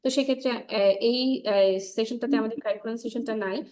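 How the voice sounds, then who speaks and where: A woman teaching spoken English in Bengali mixed with English, drilling sounds slowly and often checking in with the class. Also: fairly high pitch, fairly even intonation, darkish tone. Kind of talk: online class lesson.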